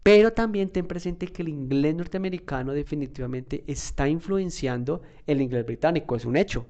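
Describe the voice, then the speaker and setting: A man's voice: fairly high pitch, warm tone. A man teaching a casual spoken lesson, conversational and explanatory, often checking in with his listener. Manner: conversational, checks in with "¿listo?" and "¿verdad?"; fillers and restarts, measured explaining. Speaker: English teacher.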